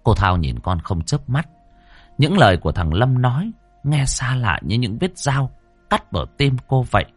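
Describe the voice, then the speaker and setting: Man reading a spooky story, low voice, really animated, dry close mic. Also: moderate pace, husky, no room sound, faint music behind. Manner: expressive, dramatic storytelling. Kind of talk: ghost story narration.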